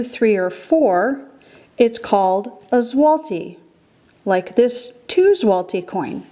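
A woman's voice: a little high, dark tone. A middle-aged woman hosting a currency collecting show, giving careful scripted educational narration.

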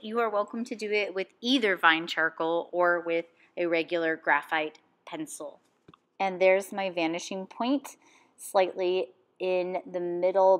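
Calm, low-voiced woman teaching drawing. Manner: calm step-by-step instruction. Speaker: art teacher. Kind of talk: drawing lesson voice-over.

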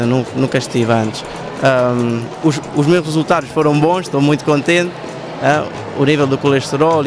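A man's voice: a little high, background noise. A young man interviewed with a handheld mic, answering hesitantly and repeating words as he talks. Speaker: event visitor.

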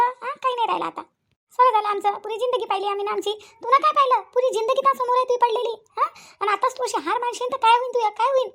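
Cartoon aunt with a Vidarbha accent, older, bossy and repetitive, shrill and rapid; one actor voices her. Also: creaky, pushed and bright, full character voice. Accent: Vidarbha Marathi. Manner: preachy, repeats points, fast. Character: older village aunt giving firm advice. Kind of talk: cartoon voice acting.

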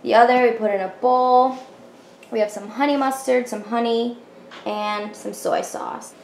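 A woman's voice: a little high, steady tone, a little slow, vocal fry, darkish tone. A cheerful young woman hosting a casual cooking demonstration in her home kitchen, explaining each step plainly. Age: young adult. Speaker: cooking channel host. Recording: roomy kitchen echo, faint noise.

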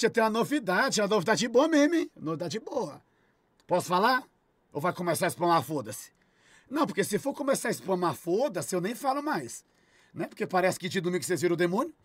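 A man's voice: high-pitched, very animated, quick pace, a bit bright, no room sound. A man streaming live, ranting at his chat with irritated sarcasm and heavy swearing.

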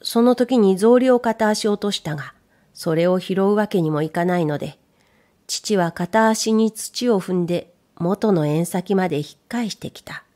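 A woman narrates a period tale in a calm, measured voice. Her tone is mellow and dark rather than bright, and her pitch sits in the middle range. She drops softer at the tense moments. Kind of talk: scripted narration of a period story.

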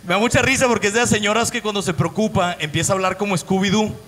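A man's voice: sits high, steady tone, fast, fairly bright tone. A young man from Monterrey with a northern Mexican accent, performing a profane, story-driven stand-up comedy set. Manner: profane, storytelling, acts out voices.

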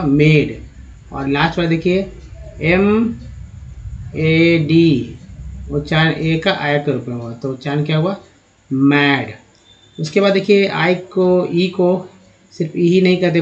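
Male tutor, slightly high voice, patient, spells words out letter by letter, dull lo-fi sound. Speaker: English teacher. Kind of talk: Hindi-language English pronunciation lesson. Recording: dull lo-fi recording.

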